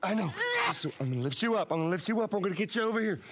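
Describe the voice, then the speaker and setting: A man's voice: high-pitched, expressive, racing, noisy background. An actor playing a grieving father who pleads desperately over his dying daughter in a video game scene. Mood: pleading. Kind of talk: video game cutscene acting.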